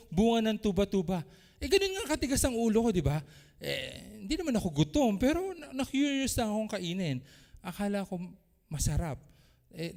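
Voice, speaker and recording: A man preaching a sermon as pastor, animated, swinging between loud exclamations and soft asides. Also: sits high. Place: church. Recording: church hall with long reverb.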